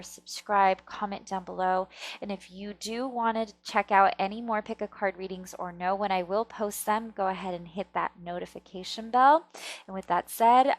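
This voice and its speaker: A woman's voice: mid-range voice, no echo. A woman hosting a casual pick-a-card reading, chatting to viewers and often checking in, with slightly thick-tongued, stumbling articulation. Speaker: tarot reader and video host.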